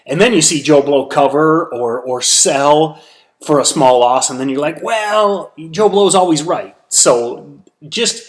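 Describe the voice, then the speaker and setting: A man's voice: mid-range voice, a little slow. A tired man giving a casual solo recap of his trading day, rambling with many restarts and fillers. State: tired, yawning. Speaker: stock trader giving a daily recap.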